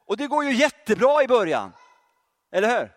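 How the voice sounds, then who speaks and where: Animated male preacher. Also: very high-pitched. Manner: animated, joking, addresses audience directly. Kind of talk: sermon.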